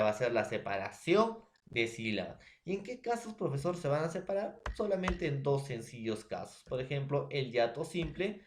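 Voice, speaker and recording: A man with a Peruvian Spanish accent teaching a recorded grammar lesson, often checking in with his students. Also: mid-range voice. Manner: addresses students as jóvenes, checks with ¿ya?.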